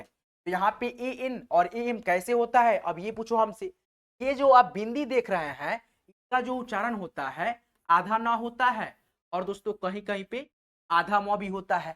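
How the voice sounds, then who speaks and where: Working over a board in a spelling lesson, a man with a high, slightly bright voice takes a patient, repetitive approach. He poses his own questions and then answers them.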